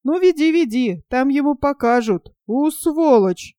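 A woman voicing a hot-tempered young male soldier who shouts roughly and curses. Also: a little high, moderate pace, no room sound, studio quality, close to an everyday voice. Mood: rowdy.

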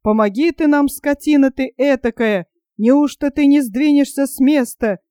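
A reader voicing a bold, gruff monk who curses and shouts orders during a storm. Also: sits high, moderate pace, dry recording, clean studio sound, lightly acted. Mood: angry. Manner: shouting, cursing, commanding.

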